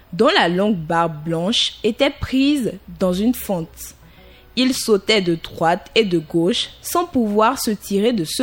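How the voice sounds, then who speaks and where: A woman narrating a fairy tale aloud in a calm, deliberate storybook reading. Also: medium pitch.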